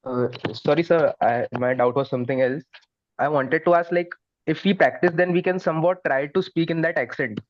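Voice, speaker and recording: A man's voice: fairly high pitch, extremely slow, lo-fi sound. A young man, a student politely and hesitantly asking his teacher a question.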